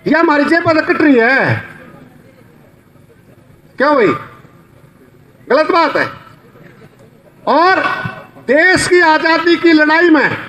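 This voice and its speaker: Man, rally speaker: very high, sharp, forceful delivery, mocking and full of folksy tales. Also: dull audio. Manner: rhetorical, mocking, storytelling. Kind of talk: rally speech with folksy anecdotes. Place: outdoor protest rally.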